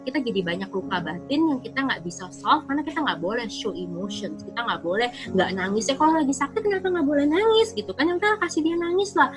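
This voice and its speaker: Seorang perempuan tamu yang memberi nasihat dengan gaya santai dan bersemangat, sering menyelipkan bahasa Inggris dan bahasa gaul. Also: female voice, sits high, fast talker, hardly any pauses. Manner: animated, mixes English phrases, slangy. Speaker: guest giving advice. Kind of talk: casual advice chat. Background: background music.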